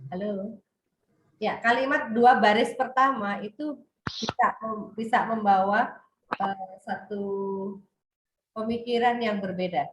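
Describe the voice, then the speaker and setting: Questioning woman in an echoey room. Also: medium pitch. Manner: questioning, explanatory. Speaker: writing trainer. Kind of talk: online workshop discussion. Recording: echoey room, faint noise.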